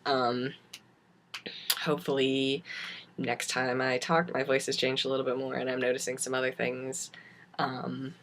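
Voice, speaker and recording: A young adult man with a raspy smoker's voice, chatting casually and haltingly in a video diary. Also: mid-range voice, monotone, a bit bright, a little hiss or hum. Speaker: vlogger giving a transition update.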